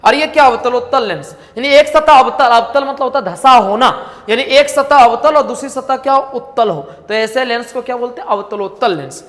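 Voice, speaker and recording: High-voiced man teaching in a reverberant room. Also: fairly quick, fairly bright tone. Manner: asks rhetorical questions and answers them himself, repeats phrases. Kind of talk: classroom-style lecture.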